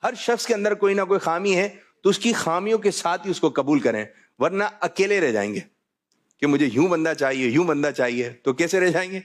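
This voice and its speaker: Jovial high-voiced male show host. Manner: jovial, repeating key phrases. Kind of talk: religious talk show hosting.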